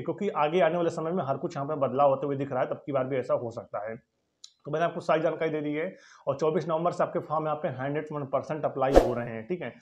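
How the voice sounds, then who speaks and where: A man giving encouraging exam advice to his viewers, often checking in with a quick "okay". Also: fairly high pitch, a bit bright. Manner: encouraging, fills lines with "ठीक है". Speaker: exam coaching YouTuber.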